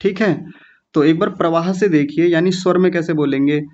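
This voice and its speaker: A male teacher with a slightly higher voice patiently breaks words into syllables and repeats them slowly for his students. The sound is dull and lo-fi, like audio from an online class. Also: a little mellow. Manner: patient, slow syllable-by-syllable drilling. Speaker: Sanskrit recitation teacher.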